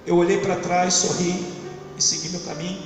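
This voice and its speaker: High-voiced preacher in an echoey hall. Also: male voice, flat delivery, moderate pace, recorded from a distance. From São Luís, Maranhão, Brazil. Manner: dramatic storytelling with repetition. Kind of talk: testimony sermon. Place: church hall. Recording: echoey church hall from afar with music.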